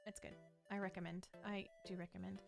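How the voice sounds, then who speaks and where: A woman's voice: medium pitch, little pitch movement, fairly quick, creaky. A young woman chatting casually while playing a game on stream, rambling and laughing often with many restarts. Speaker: VTuber streamer. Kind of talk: casual livestream chat while gaming. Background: faint game music.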